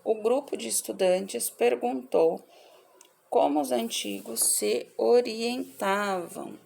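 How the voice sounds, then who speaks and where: A woman's voice: fairly high pitch, takes it slowly, vocal fry, a little mellow. A woman teacher, reading out and correcting workbook answers for young pupils and listing the words one by one.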